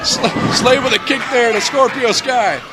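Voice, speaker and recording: Guy doing wrestling play by play, really high voice, excitable, big crowd behind him. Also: moderate pace. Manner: excitable, exclaiming at big moves. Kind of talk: live pro wrestling play-by-play commentary. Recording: loud crowd noise behind commentary.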